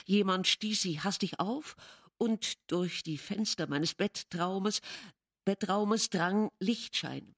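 A woman reading a classic novel aloud as an audiobook, in measured, dramatic storytelling. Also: medium pitch. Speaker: audiobook reader. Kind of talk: literary audiobook narration.

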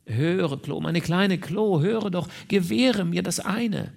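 A man's voice: medium pitch, sing-song, normal speed. A man reading an audiobook and voicing a moody young man who pleads and stammers with his lover. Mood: pleading. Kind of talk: audiobook character voice.

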